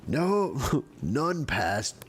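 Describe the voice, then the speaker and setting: A man giving casual commentary while playing a fantasy role-playing game, thinking aloud in a relaxed, offhand way. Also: medium pitch, very slow, a little hiss or hum.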